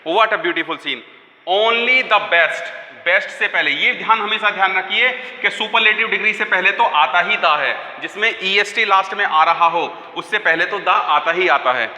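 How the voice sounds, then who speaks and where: Bright-voiced teacher in an echoey room. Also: male voice, high-pitched. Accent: Hindi. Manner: explains slowly, repeating phrases aloud to students. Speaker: school teacher. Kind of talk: classroom grammar lesson. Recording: echoey room, long reverb.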